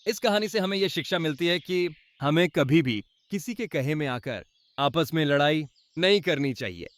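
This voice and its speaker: A man's voice: on the high side, lively intonation, normal speed, no echo. A man narrating a children's cartoon fable and talking straight to the young listeners. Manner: addresses listeners directly. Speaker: storyteller.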